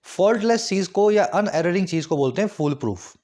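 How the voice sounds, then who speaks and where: A man with a slightly raised voice teaches English vocabulary, explaining each word in Hindi. He keeps checking that students follow with quick rhetorical questions, and he slows right down to read each English example sentence. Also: high-pitched, animated, dark tone. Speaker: English tutor. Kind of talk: vocabulary lesson.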